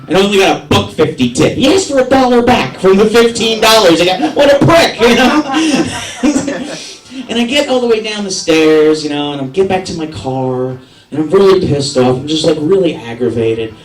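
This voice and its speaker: Brief: male stand-up comic, animated and profane, slightly high voice, distant roomy recording of a live show. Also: moderate pace. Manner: swearing, animated storytelling with acted-out voices. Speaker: stand-up comedian. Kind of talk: stand-up comedy set. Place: veterans hall comedy show with live audience. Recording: echoey hall recorded from a distance. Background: audience laughing.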